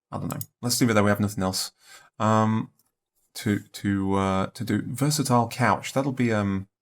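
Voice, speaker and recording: A young man thinking aloud in a let's play, musing and unhurried, trailing off into half-spoken guesses. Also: fairly low pitch. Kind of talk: thinking-aloud puzzle commentary.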